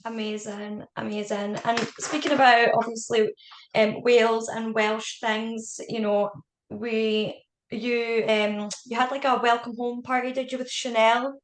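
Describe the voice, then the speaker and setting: Scottish woman podcast host, bit high-pitched, friendly, roomy echo. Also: little pitch movement, a little slow. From Scotland. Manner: friendly, easy-going, prone to laughing. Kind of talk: casual interview chat.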